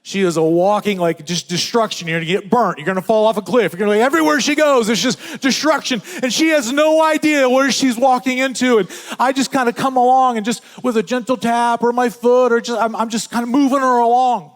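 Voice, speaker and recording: An older man preaching at a conference, swinging from loud urgent passages to hushed, almost whispered ones. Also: extremely high pitch, fairly even intonation, a little fast, hardly any pauses. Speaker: pastor. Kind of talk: conference sermon. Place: large hall at a conference. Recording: reverberant hall.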